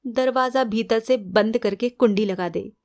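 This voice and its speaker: A woman's voice: on the high side, measured pace, darkish tone. A woman reading a wry, grumbling detective. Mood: bantering. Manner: dry, bantering, mock-scolding. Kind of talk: audiobook character reading.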